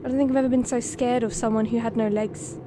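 High-voiced, jumpy woman horror game streamer. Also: steady tone, quick pace, noisy background. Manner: jumpy, scared, sweary reactions. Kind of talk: casual horror game commentary.

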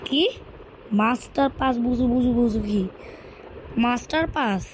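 Woman playing an exasperated cartoon madam, high voice, scolding. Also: unhurried, slight background noise, natural voice. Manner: scolding, impatient. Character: exasperated female interviewer madam. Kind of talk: comic cartoon dub.

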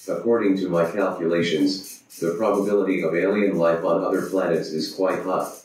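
A man's voice: low voice, darkish tone, lightly acted. A man voicing a boastful, pompous robot chatbot that adds beep-boop noises, in a very echoey room, far from the mic.

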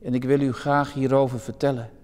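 A man reading out the part of an old, humble pearl diver in an earnest, slow and deliberate way, in a sermon anecdote. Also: mid-range voice, little pitch movement, a little mellow, close to an everyday voice. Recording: long church reverb.

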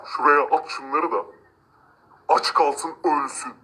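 A man's voice: a little high, steady tone, slow, pushed and bright, a little hiss or hum, poor audio. A man voicing an arrogant, cruel rich man who gloats, mocks and threatens villagers in a game-video drama. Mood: smug. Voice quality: gloating, mocking laughs. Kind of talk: amateur game role-play narration.

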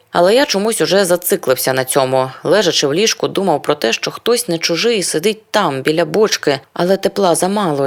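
A reader narrating a literary novel in the first person, brooding and introspective, often turning to rhetorical questions. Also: medium pitch. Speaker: audiobook reader.

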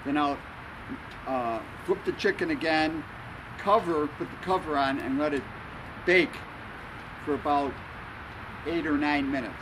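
A man's voice: a little high, a little slow, long pauses. Man cooking at an outdoor grill. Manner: relaxed, explains each step as he goes. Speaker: home cook. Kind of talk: casual cooking demonstration. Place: outdoor grill in a city at dusk. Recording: outdoor street noise.

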